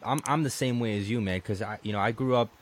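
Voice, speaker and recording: There's slight background noise as a Colombian man with a lowish voice hosts his podcast at a quick pace. The interview chat is casual and conversational, with frequent restarts and repeated "man."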